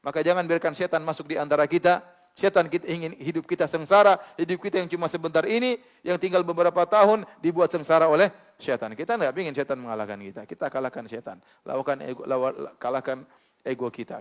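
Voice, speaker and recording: A man giving an informal Islamic sermon, swinging from quiet asides to loud, animated exclamations. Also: on the high side, fast. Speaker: Islamic preacher.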